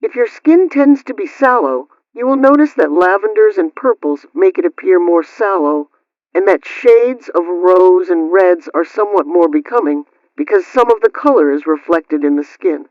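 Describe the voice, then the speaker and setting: Dull old-radio actress as prim housekeeping aunt. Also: female voice, lowish voice, lively intonation, moderate pace, dry recording. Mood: instructive. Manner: formal, instructive. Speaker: radio host. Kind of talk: scripted 1920s radio advice reading.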